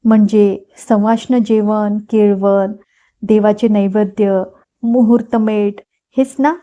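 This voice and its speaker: A gentle, motherly matriarch of the household, read by a woman storyteller in a slow, mellow voice. The recording is dull and lo-fi. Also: mid-range voice, steady tone, lightly acted. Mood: kindly.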